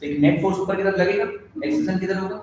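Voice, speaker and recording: Male physics teacher, higher voice, recorded off-mic, dictates formulas step by step. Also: noisy background. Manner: addresses students, asks questions, dictates formulas slowly. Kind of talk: classroom lecture. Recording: echoey room, heard from a distance.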